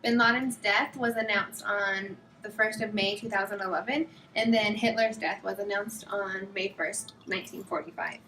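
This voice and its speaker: A woman's voice: medium pitch, steady tone, normal speed, hardly any pauses, sharp tone, slight background noise, low-quality recording. A woman helping with the cooking, chatting casually with playful, brief interjections. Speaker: cooking helper. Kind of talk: casual chat while cooking. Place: kitchen, at the stove.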